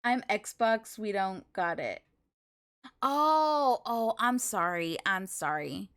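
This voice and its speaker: Her mid-range voice is expressive and fairly bright, and she speaks at a slow pace. As a video game livestreamer, she chats casually with viewers, gushing thanks and using girlish slang while game music plays.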